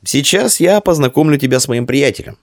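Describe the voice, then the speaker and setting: A man voicing an eager, bossy village boy who shouts and gives commands in a storybook reading. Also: mid-range voice, expressive, a little fast, no echo, clean studio sound, pitched above the performer's own voice.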